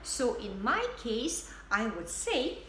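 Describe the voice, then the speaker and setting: A woman with a German accent teaches beginners, speaking very slowly with a fairly high, animated voice. She repeats each word for her students. The room is echoey, with a faint hum behind her. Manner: repeats words slowly and deliberately for learners. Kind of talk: slow, clearly spoken language lesson.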